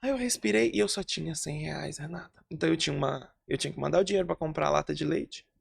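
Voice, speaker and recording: A man, a pastor, telling a testimony story in a lively, animated way. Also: a little high, fast, creaky, slightly rough.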